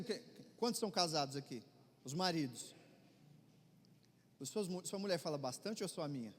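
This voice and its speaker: Brazilian pastor, man, middle-aged, Brazilian Portuguese accent, high voice, chatty sermon with loud and hushed swings, reverberant church hall. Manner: conversational preaching, swings between loud urgency and quiet intensity. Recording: long reverb of a church hall, faint ambience.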